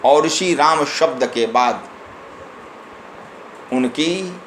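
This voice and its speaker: A man's voice: a little high, drawn-out words, fairly bright tone, echoey room, slight background noise, rough recording. A man giving a religious discourse, reciting verses and then explaining each one. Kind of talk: scripture discourse.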